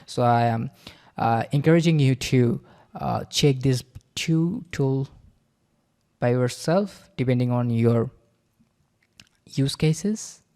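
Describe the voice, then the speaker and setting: Gravelly-voiced man walking through software. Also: mid-range voice. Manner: halting, many fillers and repeated okays, loose grammar. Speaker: software reviewer. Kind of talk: casual screen-recording tutorial.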